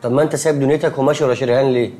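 An actor with an Egyptian accent playing a naive, gentle young man who rambles and whines in panic, in a TV sitcom. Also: mid-range voice, steady tone, very fast, lightly acted. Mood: wistful. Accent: Egyptian Arabic. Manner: rambling, then panicky and whiny. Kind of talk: TV sitcom acting.

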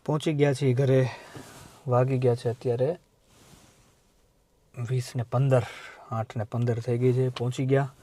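A man's voice: medium pitch, level tone, a little slow, long pauses, dark tone. A young man, vlogging his family life in a chatty, teasing way on a handheld phone camera. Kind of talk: casual vlog narration.

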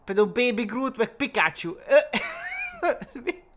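A young man giving excited gameplay commentary, often laughing and exclaiming. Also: sits high. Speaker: gaming YouTuber.

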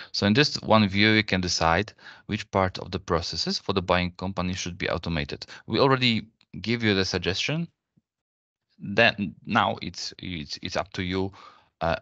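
A deep-voiced man presents an unscripted software demonstration, explaining each step haltingly. The audio is dry and slightly lo-fi, much like an online webinar.

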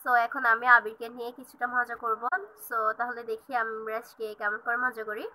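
A woman vlogger with a cold and a cracked, hoarse voice, talking softly and casually to her viewers. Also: flat delivery, brisk, slight background noise, low-quality recording. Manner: soft, low-key talking between loud sung lines. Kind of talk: casual chat and singing along.

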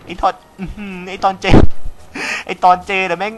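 A young male gaming commentator chats casually with viewers during a let's play, swearing freely and sounding slightly stuffed up from a cold. His voice sits high, level in tone and a little fast. The recording is very noisy, with faint game music behind.

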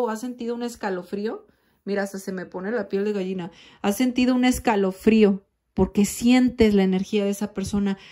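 Lady reading tarot cards to you, higher voice, slow and emphatic, keeps saying corazón. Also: darkish tone. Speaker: tarot reader. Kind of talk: intimate direct-to-camera tarot reading.

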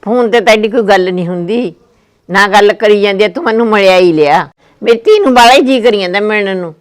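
A man's voice: high-pitched, fast, clean tone, close to an everyday voice. A man playing an elderly village grandmother who keeps complaining that nobody listens and that she misses her daughter. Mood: plaintive. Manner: complaining, plaintive nagging. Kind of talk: family comedy skit acting.

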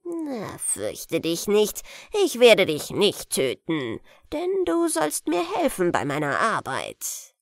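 Brief: gloating evil old wizard, read by a woman, lively swooping pitch, slow, storybook. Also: no room sound, clean studio sound, heavily acted. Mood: sinister coaxing. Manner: slow, gloating, hushed in places. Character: evil old male wizard luring children. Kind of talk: bedtime fairy tale reading.

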